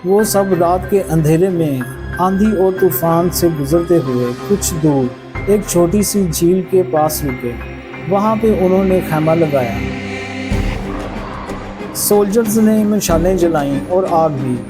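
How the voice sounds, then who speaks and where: A man narrating a spooky fairy-tale story in a measured, dramatic storytelling manner, over background music. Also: high voice, low-quality recording. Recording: clear background music under voice.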